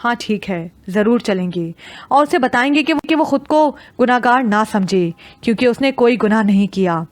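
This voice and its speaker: A woman voicing a gentle, teasing young husband who coaxes his wife in an audio novel. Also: on the high side, lively intonation, no room sound, natural voice. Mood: earnest. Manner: soothing, coaxing.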